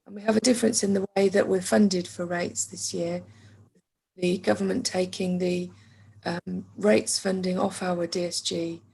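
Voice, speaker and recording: A woman with an English accent speaks over a video call, her voice husky and gravelly as it fades away from her. She talks in a low, flat, measured way and fills pauses with ums while she walks through funding figures. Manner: measured, with frequent ums and throat clearing. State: losing her voice. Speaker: council finance officer. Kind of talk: online meeting presentation.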